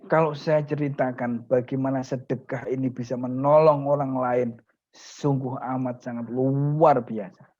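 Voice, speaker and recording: A man's voice: mid-range voice, fairly even intonation, unhurried, darkish tone, highs cut off. A man preaching in a storytelling sermon, acting out the people in his stories.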